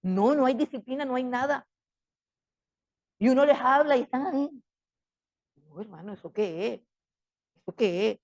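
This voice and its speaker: A woman's voice: high-pitched, expressive, normal speed, long pauses, darkish tone, dull audio. A middle-aged woman teaching a Bible class in a fiery preaching style. She scolds with emphatic repetitions and keeps firing off rhetorical questions.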